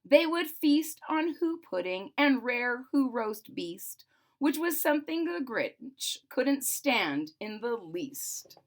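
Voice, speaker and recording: Lady doing a kids story read-aloud, slow pace, highish voice, super expressive. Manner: animated, emphatic, with simple explanatory asides. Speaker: storyteller reading a children's book aloud.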